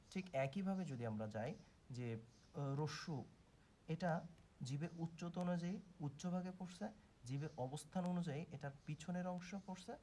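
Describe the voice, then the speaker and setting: A man's voice: fairly high pitch, warm tone, slight background noise. Patient male teacher explaining vowel sounds. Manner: patient, asks questions then answers them, demonstrates vowel sounds. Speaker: Bengali grammar teacher. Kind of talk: explanatory video lesson.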